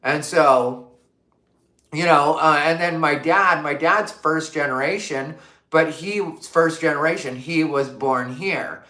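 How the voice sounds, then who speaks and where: In a roomy-sounding space, a livestream host from Arizona chats casually with her audience, working through comments and tossing out emphatic rhetorical questions full of fillers. She has a low-pitched, slightly bright voice and keeps a measured pace.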